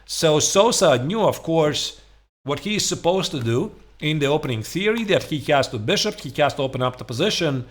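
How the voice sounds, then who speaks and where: A man in his forties coaches chess in a fairly high voice with very animated intonation. He explains conversationally and leans on certain points, often checking that the listener follows. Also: moderate pace. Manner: conversational, emphatic, rhetorical check-ins like "right?". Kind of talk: instructional chess commentary, explaining opening lines. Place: small home room, indoors.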